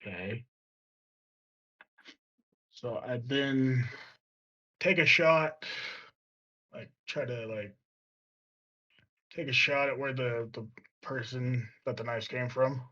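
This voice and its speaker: A woman playing a tabletop game, speaking haltingly with many filler words. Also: very deep voice, bright, forceful tone, highs cut off. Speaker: player.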